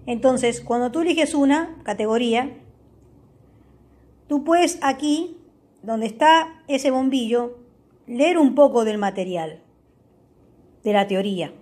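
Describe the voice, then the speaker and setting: A woman hosting a tutorial, walking viewers step by step through a language-learning app and pausing often to check they follow. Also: a little high, a little mellow, breathy edge. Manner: reads English words aloud for the viewer. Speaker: tutorial host.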